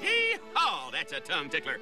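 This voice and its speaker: Showy cartoon auctioneer, high and bouncy, music blaring. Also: male voice, wildly swooping pitch. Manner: rapid auction patter, showy. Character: fast-talking jovial male livestock auctioneer. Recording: loud background music.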